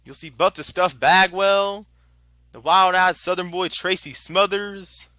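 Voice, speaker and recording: A male lucha libre announcer with a high-pitched, sharply bright voice, recorded close and dry. He mixes wrestling play-by-play with promotional plugs. His delivery is chatty and informal, given to exclamation. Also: fairly even intonation, measured pace, no echo.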